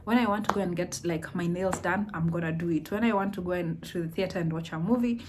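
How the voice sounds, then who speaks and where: A young Kenyan woman vlogging about running a business, telling stories in a lively way and mixing in Swahili phrases. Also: lowish voice, fast talker, slight background noise. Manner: animated, mixes Swahili into English, laughs often. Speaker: vlogger, entrepreneur. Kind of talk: casual storytelling vlog.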